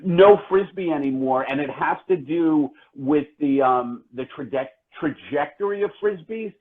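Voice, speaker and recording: A middle-aged man hosting a casual live-stream, talking in a dry, deadpan, mock-gloomy, rambling way. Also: on the high side, a little slow, narrow, tinny audio.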